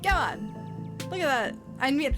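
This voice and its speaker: A woman's voice: sits high, animated, unhurried, music in the background. Giggly woman streamer with playful asides. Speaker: streamer playing a story game. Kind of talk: casual game commentary.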